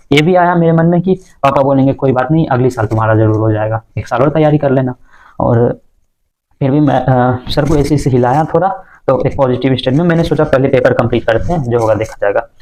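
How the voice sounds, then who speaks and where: A man's voice: medium pitch, darkish tone, rough recording. A young man telling the story of his entrance exam day in a casual, hesitant way, with many fillers and restarts. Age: young adult.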